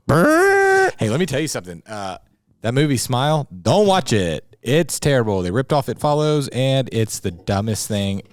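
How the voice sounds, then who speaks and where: A man co-hosting a casual podcast chat, joking and laughing often, breaking into loud bursts. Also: on the low side, no echo. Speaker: podcast co-host.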